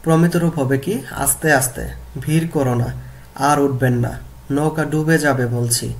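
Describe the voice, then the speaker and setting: A man teaching a lesson, reading a story aloud and then explaining words and repeating them slowly to model their pronunciation. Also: medium pitch, fairly even intonation.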